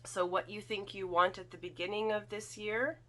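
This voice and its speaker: A woman giving a spiritual card reading in casual, halting talk, her throat slightly foggy and congested from irritation. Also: mid-range voice, fairly even intonation, pushed and bright. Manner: halting, thoughtful, often checks with "okay?". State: throat irritated by volcanic fog, occasional coughing and throat clearing. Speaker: tarot and oracle card reader.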